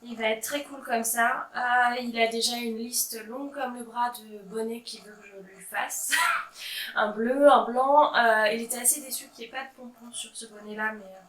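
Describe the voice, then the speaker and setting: Steady and fairly bright, this slightly high voice belongs to a thirty-something knitting vlogger from France speaking at normal speed. She shows off her projects in a casual chat, using frequent fillers and poking fun at herself, with the room echoey and the mic a little distant.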